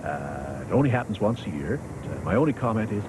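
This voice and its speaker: A man plays an oily, evasive ex-prime minister in political sketch comedy. The voice is very low and swings around in pitch, halting between phrases, over clear background noise. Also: sing-song. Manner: halting, smooth-talking hesitations. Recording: noisy location sound.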